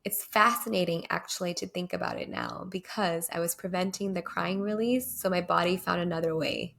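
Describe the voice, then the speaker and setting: A woman's voice: on the low side, steady tone, a little fast, vocal fry, a bit bright. A young woman co-hosting a podcast, talking candidly and reflectively, dotted with "like" and "right?" fillers. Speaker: podcast co-host.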